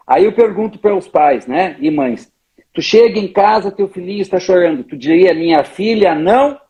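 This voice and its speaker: A man speaks in a husky, slightly breathy voice that sits high for a man. He talks emphatically, illustrating his points with little stories in a conversational interview. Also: mellow. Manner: emphatic, tells stories, often addresses the other speaker by name. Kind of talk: animated conversational explanation.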